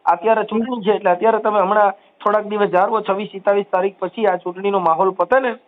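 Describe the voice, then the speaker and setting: A man giving calm, reassuring advice on a phone call, often repeating soothing phrases. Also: high-pitched, quick pace. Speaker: social media activist taking calls. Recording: tinny phone line.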